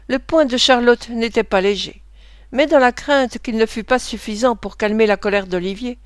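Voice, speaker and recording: A woman narrating a classic novel for an audiobook in a steady, measured way. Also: on the high side, smooth, no echo, clean studio sound. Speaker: reader.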